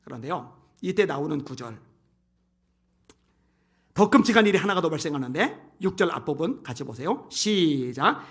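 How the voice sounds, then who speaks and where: A man preaching a sermon, reading scripture and retelling it in lively, animated speech that swells and drops for emphasis. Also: on the high side, moderate pace, pauses often, husky. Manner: animated preaching, voicing biblical complaints with rising intensity. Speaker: pastor.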